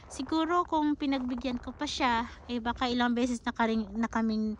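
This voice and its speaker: Middle-aged woman from the Philippines, fairly high voice, chatty and heartfelt vlogger, slightly muffled outdoor recording. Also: steady tone, moderate pace. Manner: heartfelt, chatty, mixes English into her talk, laughs often. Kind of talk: casual personal vlog talk. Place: outdoors at a snowy dog park. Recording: slightly dull, faint outdoor noise.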